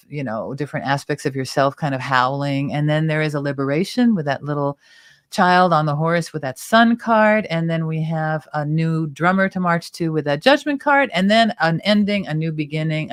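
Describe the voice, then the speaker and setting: A woman's voice: sits low, no room sound, clean studio sound. A woman hosting a tarot talk show, chattily explaining the cards and their symbols at length. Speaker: tarot reader and show host.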